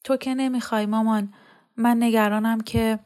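A woman reading the part of a young daughter who gently and anxiously speaks to her mother. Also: on the high side, fairly even intonation, close to an everyday voice. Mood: worried. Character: worried teenage daughter caring for her mother.

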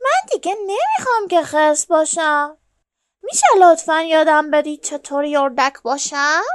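A woman's voice: high-pitched, lively intonation, no room sound, clean studio sound, pitched above the performer's own voice. A woman voicing a grumpy, tired bear in a children's storybook, complaining and pleading.

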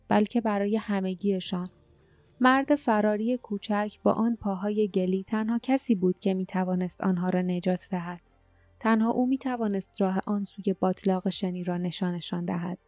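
A woman narrating an audiobook in a steady, even storytelling manner. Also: mid-range voice, no room sound.

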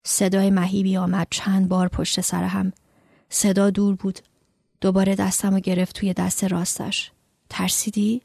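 A woman reading her own short story aloud in a calm, measured storytelling voice. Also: medium pitch, gravelly, no room sound, clean studio sound.

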